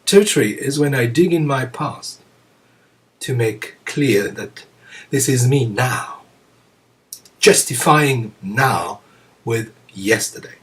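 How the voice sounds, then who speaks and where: A man giving a reflective Zen teaching talk to students, musing aloud with many pauses and soft chuckles. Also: mid-range voice, animated. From France. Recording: voice picked up from a distance.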